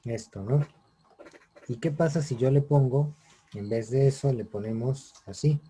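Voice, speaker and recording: A man's voice: mid-range voice, a little slow, mellow, slight background noise. A man teaching a writing class, explaining step by step and checking in often with his students. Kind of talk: online class lecture.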